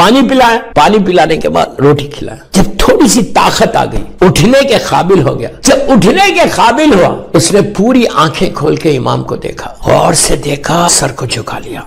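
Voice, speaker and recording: A man's voice: high voice, vocal fry. A man with a Pakistani Urdu accent, preaching a sermon and telling a story dramatically, repeating lines and dropping in English phrases.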